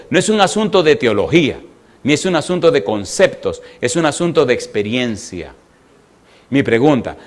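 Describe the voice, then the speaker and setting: A man preaching a sermon, pressing his listeners with constant rhetorical questions and slowing down on the words he wants to stress. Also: medium pitch. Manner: peppers the congregation with rhetorical questions. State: emotional.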